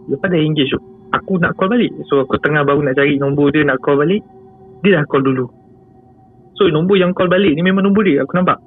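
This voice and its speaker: A man's slightly high, fast voice carries a Malaysian accent as he shares a spooky personal story in a casual, chatty tone. Repetitions and frequent chuckles fill his telling, heard through tinny phone-like audio with faint background music.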